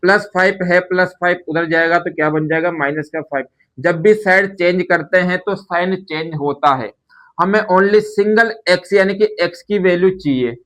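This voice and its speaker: A man's voice: high-pitched, moderate pace, fairly bright tone. A man teaching a maths lesson, explaining patiently and often asking questions and answering them himself. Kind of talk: classroom-style maths lesson.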